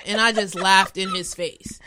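A woman's voice: medium pitch, steady tone, measured pace, bright, forceful tone, slight background noise. A woman co-hosting a casual chat, telling a story in playful bursts of emphasis.

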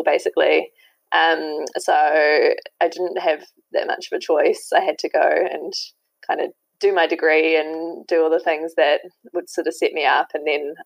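Kiwi woman, low-ish voice, gravelly, chatty with lots of ums, dry sound. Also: dry recording, rough recording. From New Zealand. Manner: chatty, laughs often, many ums. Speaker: guest. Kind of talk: casual interview chat.

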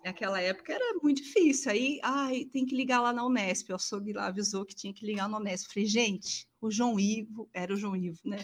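A woman in her forties with a Brazilian Portuguese accent, a professor telling stories from her student days in a chatty, animated way. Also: mid-range voice, fast talker, few pauses. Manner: animated, chatty, constant tag questions. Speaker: university professor and guest. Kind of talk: casual storytelling in a conversation.

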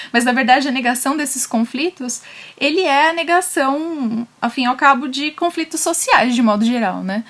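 Woman, Brazilian accent, high pitch, explanatory academic speaking. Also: moderate pace, a bit bright. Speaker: panel speaker on linguistics.

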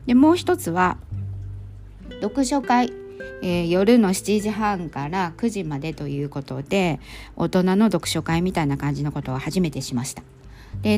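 A middle-aged woman with a Kansai accent chatting casually through a monologue recap, with plenty of fillers and relaxed phrasing. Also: medium pitch. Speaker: storytelling volunteer and podcast host.

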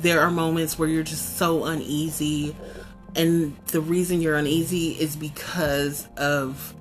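A woman in her forties talking casually and expressively about horror films, laughing often and swinging her voice up high for emphasis. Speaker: horror film reviewer. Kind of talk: casual countdown commentary.

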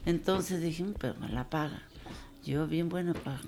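An elderly woman tells family stories in a relaxed, chatty way. Her voice is low and gravelly. She slips into the voices of the people she quotes. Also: normal speed, slight background noise. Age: 80s. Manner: lively storyteller, quotes people in dialogue, chuckles often. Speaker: grandmother telling her life story. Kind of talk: casual storytelling.

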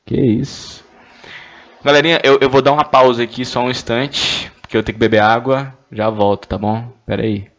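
A young man streams casually, reading anonymous questions aloud, joking, stammering and swearing along the way. His voice is medium-pitched, steady and fairly bright, at a moderate pace, and the sound is lo-fi.

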